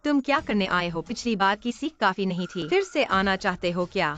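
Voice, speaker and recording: A woman's voice: mid-range voice, animated, a little fast, a bit bright, natural voice. A woman voicing a blunt, scolding young bodyguard in a dubbed drama. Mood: threatening. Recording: dull, dry dubbed audio.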